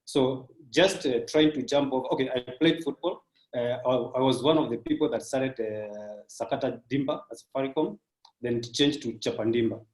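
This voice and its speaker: A man in his thirties talks through his thoughts in a measured, reflective way, dropping in frequent fillers. His voice is mid-pitched, and the recording has a noticeably roomy echo around it. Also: a little mellow. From Kenya. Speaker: sports business professional. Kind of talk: casual interview.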